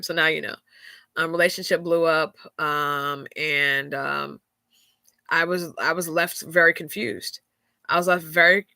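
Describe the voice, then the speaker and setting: A woman with a low, bright and forceful voice hosts a casual faith-centered podcast, speaking candidly and chattily with lots of fillers and laughs. She sounds stuffy-nosed, and the recording is dry.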